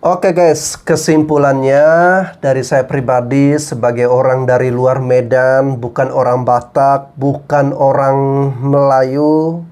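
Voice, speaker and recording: A man from Flores in eastern Indonesia giving earnest commentary to his viewers, calmly appealing for harmony and unity. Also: medium pitch, slow pace. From Flores, East Nusa Tenggara, Indonesia. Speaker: content creator. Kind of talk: commentary to camera.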